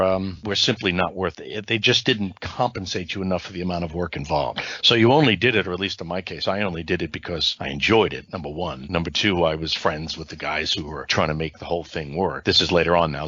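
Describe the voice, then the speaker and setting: On a podcast, a voice actor with a deep, husky, fairly bright voice is interviewed about his career. He explains at length and often checks in with "right?", and the recording is dry and lo-fi.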